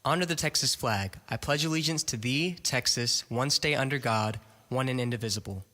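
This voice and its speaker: A young male student leading a steady, measured recitation over the school intercom. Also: mid-range voice, big-room sound.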